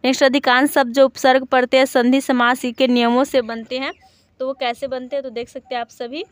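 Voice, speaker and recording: A woman Hindi teacher gives an online exam-prep lesson in a high, resonant voice. She explains step by step, reading out lists of example words with many fillers. The sound is close and dry. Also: flat delivery, brisk, clean tone, no echo.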